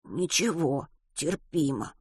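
A woman's voice: fairly low pitch, lively intonation, unhurried, breathy edge, no echo, clean studio sound. A woman voicing an injured schoolboy who speaks in a strained, breathless, pleading way in an audiobook. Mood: pained, weak. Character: injured schoolboy, pained, then desperate and self-sacrificing.

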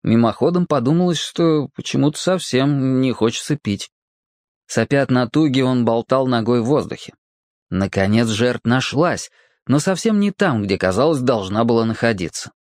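A narrator reading a children's story aloud with expressive delivery. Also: medium pitch, normal speed, no echo, studio quality.

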